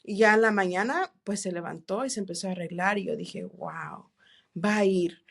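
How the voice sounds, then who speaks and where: A woman telling her faith testimony in an interview, earnest and halting, with many restarts and English words mixed in. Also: medium pitch. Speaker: interview guest. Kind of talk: testimony in a church podcast interview.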